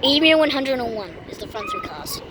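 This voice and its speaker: A woman's voice: huge pitch swings, fast talker. A woman giving matter-of-fact live trainspotting commentary on a handheld phone at an outdoor station. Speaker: trainspotting vlogger. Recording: noisy outdoor phone recording, train rumble. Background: trains and station ambience.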